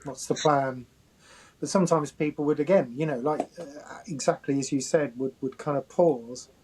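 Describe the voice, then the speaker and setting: A man's voice: on the high side, normal speed, warm tone, a little hiss or hum, rough recording. A man hosting a casual talk, speaking hesitantly and thoughtfully. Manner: hesitant, thoughtful, many fillers. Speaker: host. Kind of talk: casual conversation.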